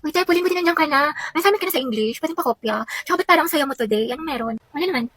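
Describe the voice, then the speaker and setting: Young woman doing comedy skits, high voice, gets squealy and excited. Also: very fast, slight background noise. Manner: excitable, squealing when giddy. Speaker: comedy skit performer.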